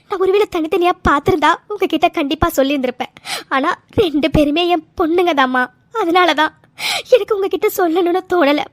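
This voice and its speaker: A humble cartoon mother begging forgiveness in a very high, thin voice, as a woman voices her. Her pleading stays earnest and apologetic, recorded close and completely dry. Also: brisk, dry recording. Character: pleading mother, soft-spoken and tearful. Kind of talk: cartoon voice acting.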